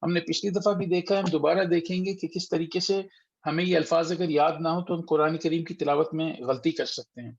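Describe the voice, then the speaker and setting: A man teaching a Quran recitation class online, patiently sounding out letters slowly and repeating them for students. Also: a little high, steady tone, highs cut off. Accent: Urdu-speaking. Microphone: computer mic on a video call.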